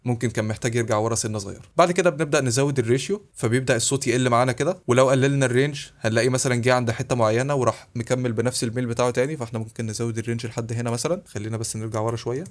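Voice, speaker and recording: A man with an Egyptian Arabic accent narrating a software tutorial, explaining each step briskly and speaking to the viewer. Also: medium pitch, fairly even intonation. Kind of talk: screen-recorded tutorial voice-over.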